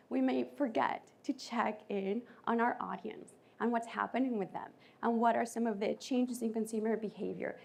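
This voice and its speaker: A woman from Colombia with a Colombian Spanish accent, giving a lively conference talk to an audience. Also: a little high, creaky. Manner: lively, audience-engaging presenter. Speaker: conference speaker.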